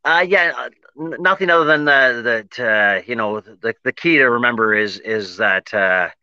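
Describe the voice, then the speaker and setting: Canadian businessman, halting answers full of uhs, forceful bright voice, dry dull lo-fi call audio. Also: mid-range voice, clean tone, no room sound. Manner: halting, many filler ums and uhs. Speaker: industry association president. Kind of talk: interview answers.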